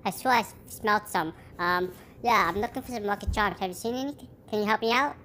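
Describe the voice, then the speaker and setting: A woman voicing an excitable magic unicorn girl who talks in wildly swinging, squealing outbursts. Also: medium pitch, quick pace, a little hiss or hum, lightly acted. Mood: pleading.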